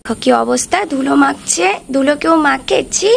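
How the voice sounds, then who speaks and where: A woman from West Bengal, hoarse with a cold, chatting to her vlog audience and gently coaxing her small daughter at home. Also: high-pitched, a little fast, noisy background. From West Bengal, India. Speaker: vlogger mother. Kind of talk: casual home vlog talk to camera and child.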